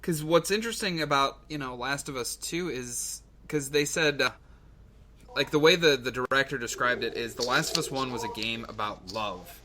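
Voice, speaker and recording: A man's voice: mid-range voice, normal speed, pushed and bright, slight background noise. A man co-hosting a gaming podcast, rambling and swearing casually. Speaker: podcast co-host.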